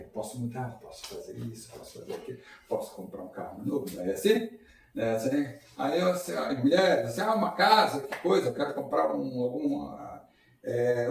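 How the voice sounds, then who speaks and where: At a spiritist center, a man gives an informal public lecture in a conversational style, posing rhetorical questions to his audience. His voice is on the high side, darkish, with vocal fry. The lecture hall is echoey and the mic is far away.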